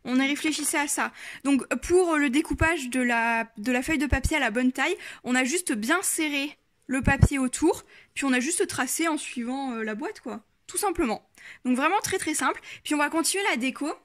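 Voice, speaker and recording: A woman's voice: high-pitched, normal speed, a bit bright. A woman hosting a crafting vlog, chatting casually and hesitating often with fillers.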